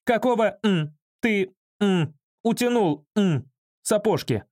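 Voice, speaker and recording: A man reading an audiobook, voicing a frantic, shrill woman who shrieks and scolds. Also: animated, moderate pace. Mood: furious. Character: shrill frantic woman, fashion designer's assistant.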